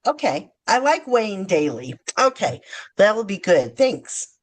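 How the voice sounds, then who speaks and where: A woman's voice: medium pitch, sing-song, measured pace. A woman in a support group politely asking a brief question on a call. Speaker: group member.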